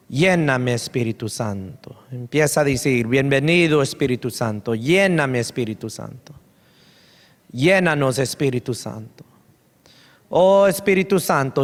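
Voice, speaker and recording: A man serving as pastor, leading a congregation in fervent altar prayer. He, switches languages mid-prayer, and repeats pleading phrases. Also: mid-range voice. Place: large church sanctuary. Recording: long church-hall reverb.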